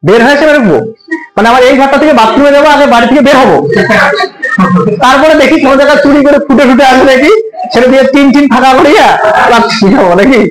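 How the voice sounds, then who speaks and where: A man teaches a computer class in a very high voice, chatting casually and firing questions at the students. His voice bounces around an echoey room. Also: fast talker, over music. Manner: colloquial, asks students questions often. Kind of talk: classroom lesson with everyday examples.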